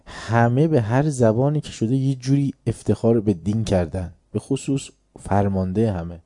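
A man's voice: on the low side, mellow, dry recording, clean studio sound. A man giving an informal religious lecture as a preacher, talking conversationally and often putting rhetorical questions to his listeners.

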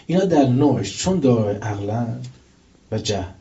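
A male preacher giving a religious lecture, telling stories with rising intensity and reciting verses slowly. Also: mid-range voice, animated, mellow. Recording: dull lo-fi recording.

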